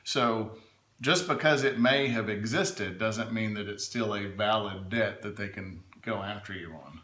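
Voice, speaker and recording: Male adviser, lowish forceful voice, emphatic explainer in a conversational interview, roomy sound. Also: unhurried. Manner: emphatic, checks in with "right?" and "okay?". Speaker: legal adviser being interviewed. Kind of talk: informal explanatory interview answers. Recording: echoey room.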